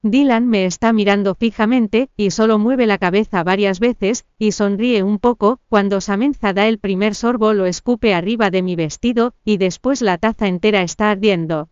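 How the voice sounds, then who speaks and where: Woman reading a first-person story, smooth clear voice, dry kinda dull audio. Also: medium pitch, moderate pace, hardly any pauses, dry recording. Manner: steady reading with acted dialogue. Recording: dull, dry close recording.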